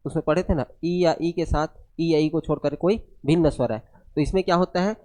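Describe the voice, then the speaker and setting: Male grammar teacher, fairly high voice, tired and unwell, methodical question-and-answer lecturing. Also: brisk, a little mellow. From India. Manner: explains step by step, asks questions and answers them himself. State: unwell, on medicine, low energy. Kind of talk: classroom lecture.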